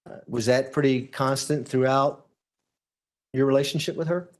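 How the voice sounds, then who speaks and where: A man's voice: mid-range voice, steady tone, moderate pace. A man working as a lawyer questions a witness in a courtroom, putting formal questions step by step.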